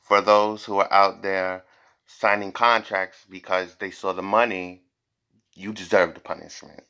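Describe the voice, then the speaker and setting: Hosting a tarot and psychic reading, this man speaks in a deep, flat, sharp-toned voice at a measured pace. His delivery is loose and improvised, blunt and forceful, with repeated phrases and occasional cursing as he reads cards for viewers.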